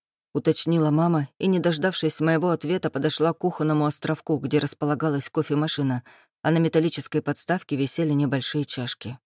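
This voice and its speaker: An audiobook narrator reading first-person prose in a measured, even way. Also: mid-range voice, no echo, clean studio sound.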